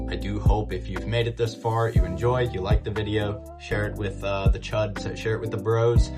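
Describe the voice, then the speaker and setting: A man hosting a channel, wrapping up the video with a relaxed, chatty sign-off. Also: sits low. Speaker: channel host. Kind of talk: casual video outro. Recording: loud music under voice.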